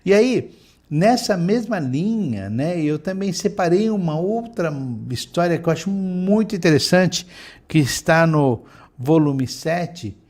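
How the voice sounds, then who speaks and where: Male lecturer, middle-aged, higher voice, unhurried storytelling with frequent pauses. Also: animated. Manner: slow, gentle, reflective, with many pauses and fillers. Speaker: spiritist lecturer.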